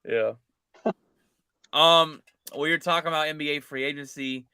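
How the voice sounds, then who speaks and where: A man's voice: on the high side, moderate pace, pushed and bright, smooth, no room sound, studio quality. A man hosting a sports podcast in casual chat, talking conversationally and often restarting his phrases. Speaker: podcast host.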